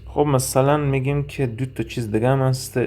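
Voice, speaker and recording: A man gives a recorded anatomy lecture in a mellow, mid-pitched voice. He moves through each term step by step, putting questions to his listeners and then answering them himself. He thinks aloud as he goes, with frequent pauses. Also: steady tone, slight background noise. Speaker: anatomy instructor. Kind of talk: recorded lecture with drawing and reading.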